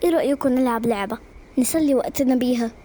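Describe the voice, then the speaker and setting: A woman voicing a strange, mysterious old man in an animated story, speaking slowly and calmly. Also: high-pitched.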